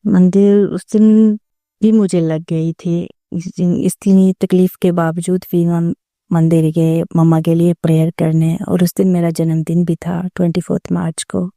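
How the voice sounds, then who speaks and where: Young woman telling her story slow and earnest, super mellow voice, a bit low, dry close sound. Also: little pitch movement, no echo. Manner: earnest, reflective, with pauses and restarts. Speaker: devotee sharing a personal story. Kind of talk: personal testimony, slow storytelling.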